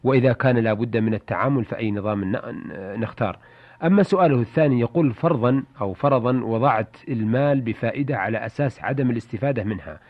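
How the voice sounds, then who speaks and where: A man hosting a radio programme, courteously reading out listeners' questions in formal Standard Arabic. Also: medium pitch. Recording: dull lo-fi radio recording.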